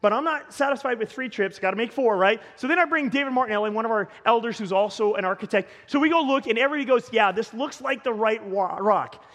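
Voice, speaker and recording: A man preaching as a pastor, telling a story in an animated way with stumbles and repeated words. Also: very high-pitched, fast talker, hardly any pauses. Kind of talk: storytelling sermon. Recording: long hall reverb.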